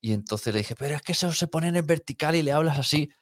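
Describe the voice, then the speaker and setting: A man's voice: a little high, animated, quick pace, no echo, clean studio sound. Man telling casual anecdotes. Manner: anecdotal, laughs often, quotes people in his stories. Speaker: podcast teacher and host. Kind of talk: casual chat.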